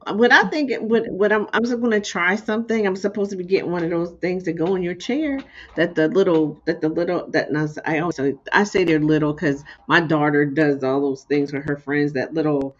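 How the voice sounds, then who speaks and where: A woman's voice: fairly low pitch, a little fast, muffled recording. A woman chatting casually as a guest on a video call, rambling and often restarting her sentences.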